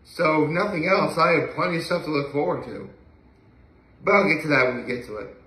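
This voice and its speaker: Speaking brisk and forceful, with a bright, somewhat high male voice, this young adult daily vlogger from upstate New York chats casually to the camera. He still rambles and hesitates, often trailing off mid-thought. A phone camera a few feet away picks him up in his living room, giving a roomy, echoey sound.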